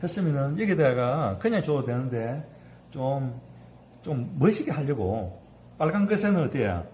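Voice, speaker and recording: A man's voice: medium pitch, very animated, moderate pace, darkish tone, a little hiss or hum. A man in his fifties, a cooking instructor giving a hands-on sushi demonstration, chatty and constantly asking his class to agree.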